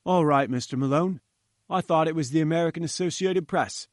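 A man doing a gruff burly gatekeeper. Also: fairly high pitch, fairly quick, no room sound, clean studio sound, natural voice. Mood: gossipy. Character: huge gruff male gatekeeper.

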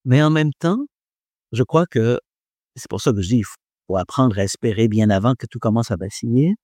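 Talking reflectively about faith and philosophy before an audience, a man hesitates frequently, leans on fillers, and makes self-deprecating jokes. He has a medium pitch, lively intonation, moderate pace and darkish tone, recorded without echo.

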